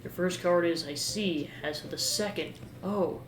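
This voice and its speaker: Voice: medium pitch, a little slow, natural voice. A game player voicing a mysterious young woman fortune teller with formal, ominous soothsaying patter. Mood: mystical, solemn. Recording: roomy echo with game music behind.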